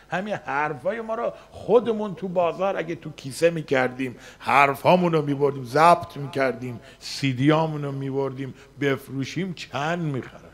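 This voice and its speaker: A male cleric telling a personal story in a sermon, with dramatic shifts between soft passages and loud emphasis. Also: a little high. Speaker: cleric preaching. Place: religious community hall.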